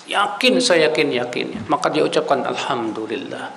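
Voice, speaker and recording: A man's voice: medium pitch, lively intonation, unhurried, fairly bright tone, a little hiss or hum. A man giving a conversational Islamic lecture who asks the audience rhetorical questions, addresses them directly as sir and brother, and recites Arabic phrases before translating them. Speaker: Islamic preacher. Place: Islamic study gathering.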